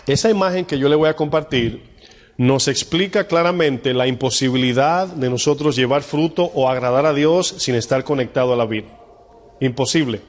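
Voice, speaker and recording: Pastor, male, mid-pitched, conversational teaching sermon, long hall reverb. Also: moderate pace. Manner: conversational teaching, asks the congregation questions. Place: church hall with live congregation.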